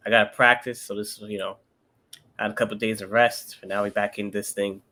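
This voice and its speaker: His voice is on the low side, level, pushed and bright, and he talks a little fast. This young interview candidate calmly works through a coding problem step by step in a laid-back, pair-programming-style chat.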